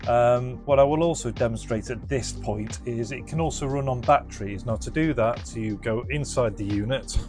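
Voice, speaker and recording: Over music, a British retro gadget restoration host talks through a product demo and review in his garage, unscripted and casual, explaining as he goes. He speaks in a mid-range voice at normal speed with hardly any pauses, and he wears a body-worn microphone.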